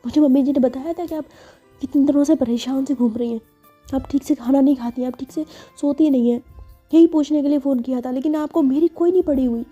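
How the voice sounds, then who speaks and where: A woman voicing an angry young woman who scolds her partner in rapid, indignant bursts. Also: high-pitched, warm tone, lo-fi sound, soft background music, voice pushed up, lightly acted. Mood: furious.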